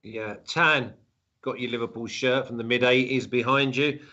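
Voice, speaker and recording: A man's voice: mid-range voice, steady tone, normal speed, sharp tone, muffled recording. A man with a south London accent chatting casually as a football show host, teasing and blunt. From south London, England.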